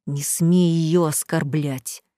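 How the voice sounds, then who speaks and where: A woman voicing an angry young groom who talks in harsh, low, menacing tones in an audiobook. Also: moderate pace, darkish tone, no echo, studio quality, natural voice. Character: angry young man, bitter and contemptuous groom.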